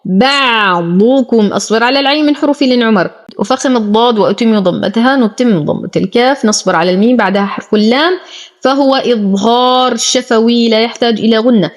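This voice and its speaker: A woman teaching Quran recitation, chanting words slowly and drawn out, then explaining the pronunciation rules briskly. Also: fairly high pitch. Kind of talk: tajweed lesson, recitation with rule explanations.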